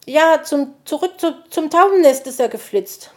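A woman's voice: sits high, moderate pace, pitched above the performer's own voice. A woman voicing an eager little boy hedgehog in a storybook who pleads and stammers. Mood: flustered. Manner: pleading, stammering when excited. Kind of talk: storybook reading.

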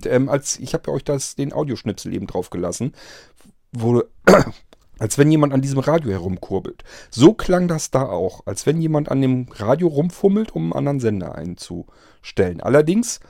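Man, casual storyteller, hesitant and rambling, mellow tone, close dry sound. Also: mid-range voice, gravelly, dry recording. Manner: rambling, hesitant, many fillers and restarts. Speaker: vlogger telling of a strange event. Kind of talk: casual spoken account.

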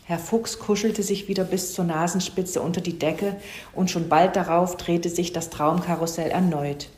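A woman narrating a children's animal story, gently voicing each character. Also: lowish voice, fairly even intonation, normal speed. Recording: roomy echo.

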